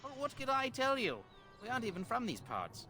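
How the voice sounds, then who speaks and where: An actor playing a sly bandit leader who extorts travelers with a fake toll, sarcastic and scheming. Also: male voice, very high voice, huge pitch swings, a little fast, pushed and bright, breathy edge, soft background music, full character voice. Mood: groveling. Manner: sly, sarcastic, then groveling.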